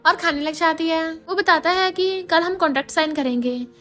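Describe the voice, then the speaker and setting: A woman narrating a drama recap in a quick, chatty storytelling way, dropping English words into her speech. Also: extremely high pitch, pushed and bright, faint music behind.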